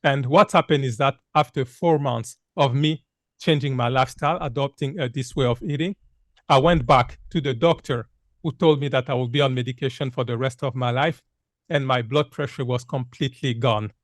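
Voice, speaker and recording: An earnest man in his fifties, from Congo, talks to a group about his own experience. He repeats key points and pauses often on "uh". His voice is of middle pitch and the sound is dry with no room echo. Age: 50s. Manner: earnest, repetitive, many "uh" fillers. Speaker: speaker giving a health talk. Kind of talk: public talk with slides.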